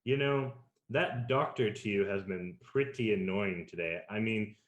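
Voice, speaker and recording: A man narrating as game master of a tabletop role-playing game, calm and dramatic. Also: fairly low pitch, a little slow, dull audio. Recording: roomy echo.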